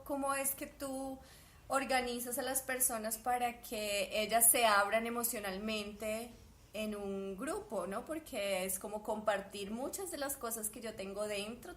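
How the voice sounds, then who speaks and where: A woman co-hosting, explaining Spanish words to learners clearly and carefully. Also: fairly high pitch, unhurried, fairly bright tone, a little hiss or hum. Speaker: Spanish teacher and co-host.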